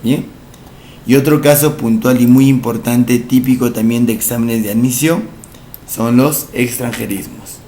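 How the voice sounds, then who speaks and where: A male language teacher, giving a recorded lesson for entrance exams, explaining slowly, repeating each word and asking rhetorical questions. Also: medium pitch, fairly even intonation, mellow, slight background noise.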